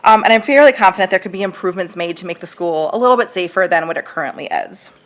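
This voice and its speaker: A woman's voice: on the low side, animated, fast talker, a bit bright. A woman in her thirties, a parent giving a chatty, earnest public comment at a school board meeting, with many fillers.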